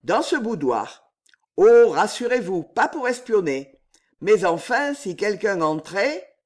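A man's voice: sits high, sing-song, slow, pitched above the performer's own voice, full character voice. A man reading aloud, voicing a scheming nobleman who speaks in firm, emphatic declarations. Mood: insistent. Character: commanding scheming nobleman, cool and insistent.

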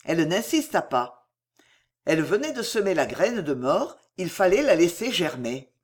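A woman narrating a novel in a measured, expressive reading voice. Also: fairly low pitch, breathy edge. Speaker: audiobook narrator.

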